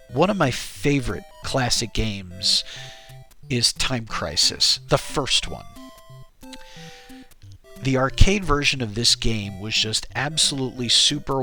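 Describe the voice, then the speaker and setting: Slow, nasal American man with a cold. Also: medium pitch, bright, forceful tone. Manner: rambling, with many fillers and restarts. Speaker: streamer and game developer. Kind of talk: casual live-stream chat.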